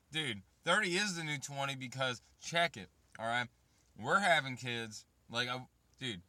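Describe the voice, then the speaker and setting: This vlogger, a man in his thirties, has a mid-range voice that sounds pushed and bright. He addresses chat directly in a rambling, profane, casual way, covering waiting and raising children, and there is no echo.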